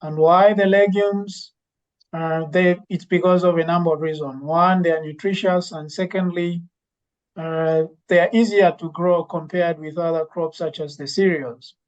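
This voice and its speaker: Hesitant woman, flat and measured. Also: lowish voice. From Zambia. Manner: hesitant, many fillers and restarts. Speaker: university lecturer and legume breeder giving a talk. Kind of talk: conference presentation. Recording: dull lo-fi recording.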